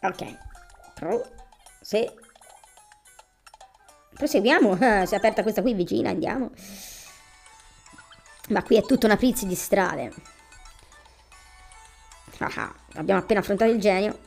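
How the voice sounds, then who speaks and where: A woman doing gameplay commentary, thinking out loud as she plays and talking to the characters. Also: medium pitch, measured pace, creaky, long pauses. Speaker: video game streamer. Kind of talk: gameplay commentary, reading game dialogue aloud. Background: video game music.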